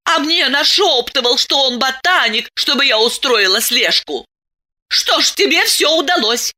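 A woman narrating a storybook voices a furious, shrill, venomous wife, pushing her voice high as she hurls accusations. The exaggerated, sing-song voice is bright, slow, and swings widely in pitch.

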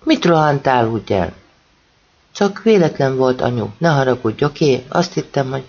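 A man's voice: mid-range voice, expressive, a little mellow, highs cut off. A man voicing a timid, apologetic teenage boy in a spoken story. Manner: hesitant, apologetic.

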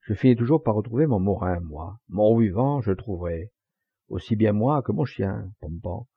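A man reading the part of a gruff, loyal old countryman who talks in a rambling, folksy way. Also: lowish voice, animated, normal speed, dry recording, full character voice. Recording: dull lo-fi dry recording.

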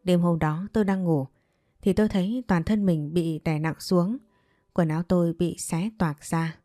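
Woman reading a sad first-person story, low warm voice, dry with faint music. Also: steady tone, moderate pace, dry recording.

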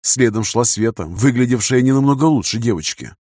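A man narrating a first-person audiobook in a tense, measured storytelling manner. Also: medium pitch, animated, warm tone, no room sound, clean studio sound. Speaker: audiobook reader.

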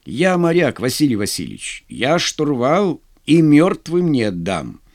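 A man's voice: a little high, wildly swooping pitch, unhurried, exaggerated voice. Man voicing a bold wounded naval lieutenant. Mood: strained. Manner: shouting commands. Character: wounded, fearless young male naval lieutenant. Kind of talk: audiobook character voice.

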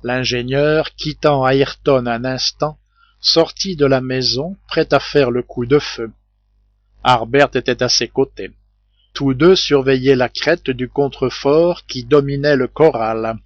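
A man reading a novel aloud as audiobook narrator, in a measured, steady scripted narration. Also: medium pitch, dry recording. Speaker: audiobook reader. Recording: dull, muffled home recording.

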